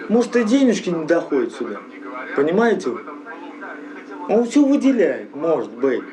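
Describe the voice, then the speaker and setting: Rough street-thug Russian man, animated and foul-mouthed. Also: a little high, normal speed, crowd noise. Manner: rough street-thug talk, heavy swearing and slang. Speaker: local resident being interviewed. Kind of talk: casual street talk.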